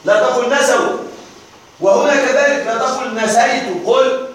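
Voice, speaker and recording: A man's voice: extremely high pitch, steady tone, moderate pace, fairly bright tone. A man teaching a grammar lesson to a class, drilling verb forms aloud and often checking that his students follow. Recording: echoey room, distant mic, faint noise.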